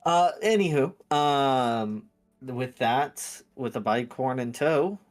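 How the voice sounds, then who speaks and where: A man's voice: mid-range voice, animated, slow pace. Easygoing man running a tabletop game. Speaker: game master.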